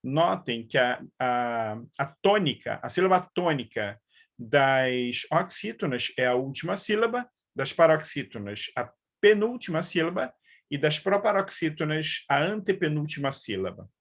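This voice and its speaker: Slow, patient teacher, a man. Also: fairly high pitch, sing-song, a bit bright. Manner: slow, patient explaining with frequent fillers and check-ins. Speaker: Portuguese grammar teacher. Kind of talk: live online lesson.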